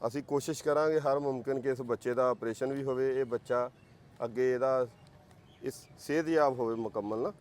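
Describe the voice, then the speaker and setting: A man with a Pakistani Punjabi accent, a social worker, calmly reassuring a family in a firm, fatherly way. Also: mid-range voice, a little fast. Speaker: social worker, channel host. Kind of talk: unscripted conversation.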